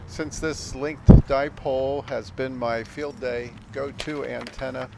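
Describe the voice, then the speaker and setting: With outdoor sounds in the background, an older American ham radio operator talks through explanations for his vlog. His medium-pitched voice is steady and slow with some vocal fry, and he comes across as hesitant and reflective.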